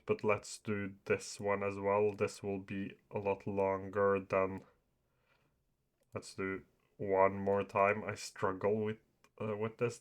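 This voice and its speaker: His voice is on the low side and a bit bright as this young man, a native Norwegian or Farsi speaker, casually walks through an app on screen share for his YouTube reviews. He sounds hesitant, leaning heavily on fillers like "uh" and "like."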